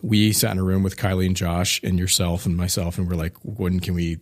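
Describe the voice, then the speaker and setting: A man's voice: deep voice, little pitch movement, a little fast. A middle-aged man co-hosting a podcast, upbeat as he explains plans step by step in casual chat. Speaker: podcast co-host.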